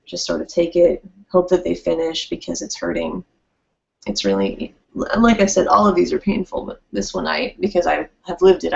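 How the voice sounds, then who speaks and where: A woman's voice: on the low side, creaky, darkish tone. A woman speaker giving a talk about handling conflict at work, conversational and illustrating points with acted quotes. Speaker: workshop speaker. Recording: dull lo-fi recording.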